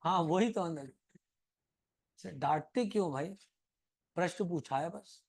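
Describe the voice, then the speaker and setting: Male chemistry teacher, high voice, teasing and chatty with his class, mock-scolding. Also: measured pace. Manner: calls students "beta". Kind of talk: live classroom lesson.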